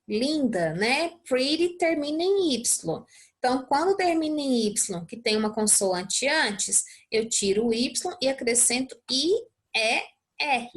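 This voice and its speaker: A young adult Brazilian woman teaching English, explaining a worksheet step by step and often checking in with her students. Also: on the high side. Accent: Brazilian Portuguese. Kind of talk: recorded lesson walkthrough.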